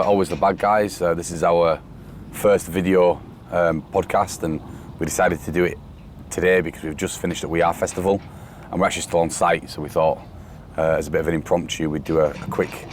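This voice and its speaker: A British security company boss who hosts a podcast chats casually outdoors on a festival site during breakdown, with faint site noise and vehicles behind him. His low voice is worn out from shouting, and he rambles with fillers and restarts.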